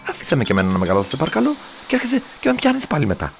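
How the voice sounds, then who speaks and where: Storybook role: a sly, mocking little fish with a high voice that swoops all over, played by a man, with a gravelly edge. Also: wildly swooping pitch, soft background music, heavily acted. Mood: pleading. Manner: pleading, then teasing. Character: small bony talking fish, sly and mocking.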